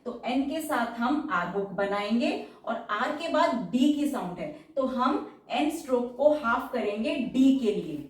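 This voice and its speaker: A woman's voice: a little high, lively intonation, measured pace, few pauses, heavy reverb, distant mic. A woman teaching shorthand in a patient, step-by-step tutorial, repeating each example word as she goes. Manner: patient, explains each stroke and repeats words.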